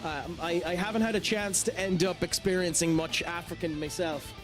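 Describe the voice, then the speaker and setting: A man's voice: high-pitched, fairly even intonation, normal speed, over loud music. An Irish man streaming a game, chatting in an easygoing way and reading out chat. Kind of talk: casual live-stream chat.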